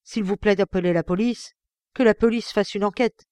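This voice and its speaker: A woman's voice: mid-range voice, steady tone, moderate pace, a little mellow, clean tone, no echo, studio quality, lightly acted. A woman voicing a proud, accused young man who answers curtly and defiantly, in an audiobook. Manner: curt and defiant.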